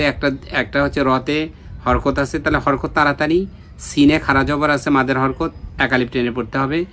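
A man's voice: medium pitch, a bit bright. Male tutor, online Quran reading lesson, patient and repetitive, faint background noise. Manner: patient, repeats letter names and drills slow recitation. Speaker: Quran recitation teacher.

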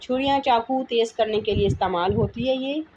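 Woman, vocabulary lesson, patient, repeats each word, somewhat high voice, noisy home recording. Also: fairly quick, darkish tone, dull audio. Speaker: teacher.

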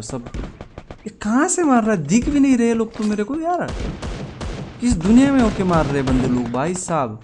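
A young man, hosting a gaming channel and giving chatty, excitable commentary over live gameplay while joking with his viewers. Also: medium pitch, slight background noise.

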